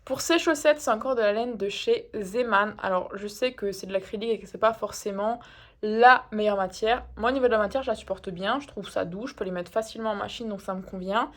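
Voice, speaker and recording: A woman's voice: medium pitch, fairly quick, fairly bright tone. A young woman chatting casually in a show-and-tell vlog, self-deprecating and full of little fillers. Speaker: knitting vlogger.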